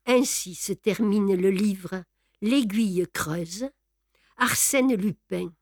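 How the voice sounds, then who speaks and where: A woman narrating a classic novel as an audiobook, with a dramatic, measured delivery. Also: medium pitch, a little mellow, dry recording, clean studio sound. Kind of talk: expressive reading of a classic novel.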